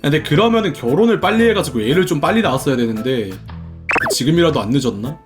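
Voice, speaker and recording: A young streamer chats casually with viewers from his room at home, playfully musing aloud. His slightly high voice is animated and expressive, swinging widely in pitch as he talks fast. Soft music plays faintly in the background.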